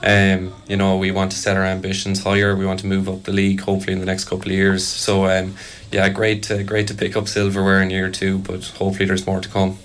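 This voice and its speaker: Very flat, low-voiced young Irish man. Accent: soft, fairly neutral Irish. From Kerry, Ireland. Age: young adult. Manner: hesitant, measured phrasing. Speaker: Gaelic football player being interviewed. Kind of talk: casual interview answers.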